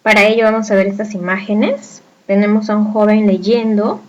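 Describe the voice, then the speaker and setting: A woman's voice: mid-range voice, steady tone, normal speed, a little mellow, lo-fi sound. A woman teaching a grammar lesson, explaining patiently and asking her listeners rhetorical questions.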